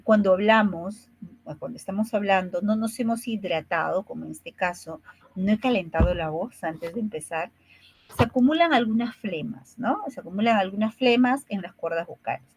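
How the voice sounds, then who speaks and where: A woman's voice: mid-range voice, no echo, rough recording. A woman from Peru with a Peruvian Spanish accent, teaching a speech therapy course and explaining things step by step, often checking in with short tag questions. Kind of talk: online lecture.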